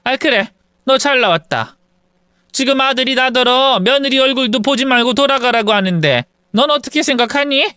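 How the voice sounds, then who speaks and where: A man's voice: very high-pitched, moderate pace, bright, forceful tone, smooth, dry recording, clean studio sound, pitched above the performer's own voice. A man voicing an indignant, stubborn middle-aged mother who scolds her son with exasperated questions in a storytelling reading. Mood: hurt.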